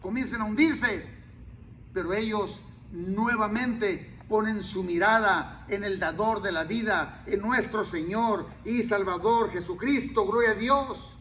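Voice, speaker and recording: A male pastor preaching a sermon, dropping to near-whispers and then rising to loud, pleading cries. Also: sits high, a little slow, slight background noise. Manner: swings from quiet murmurs to loud cries.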